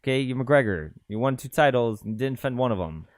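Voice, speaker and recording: A young man in a casual sports chat rants quickly, his pitch jumping around as he fires off profane questions. He sits close to a dry mic. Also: no echo. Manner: ranting, profane, animated. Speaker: podcast co-host.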